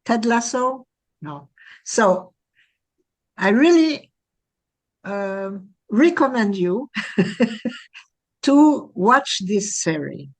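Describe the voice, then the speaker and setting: Slow-talking woman speaker. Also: fairly high pitch, lively intonation. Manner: halting, many pauses and fillers, non-native phrasing. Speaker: training speaker. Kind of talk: Q&A answer at a training session.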